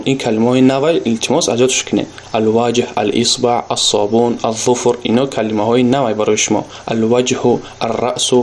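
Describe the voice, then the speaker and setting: A man with a Tajik accent gives a recorded Arabic lesson in a mid-pitched voice. He speaks patiently and repeats each word slowly so students can drill it. A faint hiss of noise sits under the recording. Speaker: Arabic teacher.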